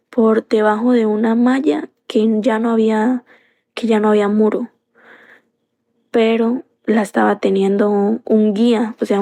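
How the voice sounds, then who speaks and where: A woman's voice: mid-range voice, vocal fry, mellow. A woman from Colombia, earnestly telling a personal story on a live stream into a phone, circling back with many fillers.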